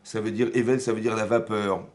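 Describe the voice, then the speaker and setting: A man, a rabbi, teaching a lively Torah class in a synagogue, telling the story with energy and often checking in with his listeners. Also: on the low side, fairly quick. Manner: animated storyteller who keeps checking in with the audience; acts out dialogue between biblical figures.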